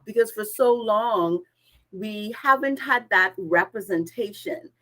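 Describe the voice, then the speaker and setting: A woman from the islands, a guest speaker introducing herself on a video call, energetic and expressive. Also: medium pitch, slow, poor audio. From Bahamas. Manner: energetic, expressive, listing words in lively runs. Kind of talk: upbeat conversational self-introduction.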